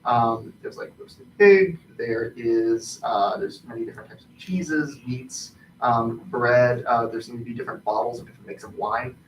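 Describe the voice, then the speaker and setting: A man improvising tabletop game narration as game master, haltingly, searching for his words. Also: medium pitch, fairly even intonation. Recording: distant mic, roomy echo, faint noise.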